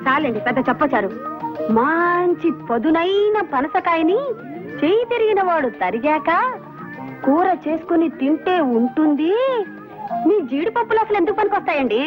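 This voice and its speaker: A wife in a film comedy who argues over curries. She lingers dreamily over every dish in a very high voice. Music plays behind her on a dull soundtrack. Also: expressive, moderate pace. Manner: dreamy, savoring food talk. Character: food-loving wife arguing over curries.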